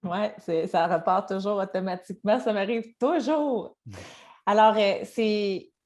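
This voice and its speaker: A woman's voice: medium pitch, measured pace, a little mellow. An upbeat woman co-hosting an online webinar, speaking over a headset mic. Her audio is choppy and keeps dropping out, as an unsteady video-call connection breaks her voice apart. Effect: choppy headset mic audio that keeps cutting out. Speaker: webinar co-host. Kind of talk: casual online presentation.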